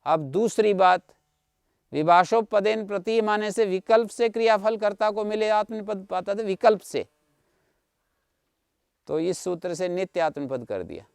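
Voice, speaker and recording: High, smooth-voiced male teacher. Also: moderate pace, no echo, studio quality. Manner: patient, repeats points, checks understanding with listeners. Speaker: Sanskrit grammar teacher. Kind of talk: explanatory lecture. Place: online video class.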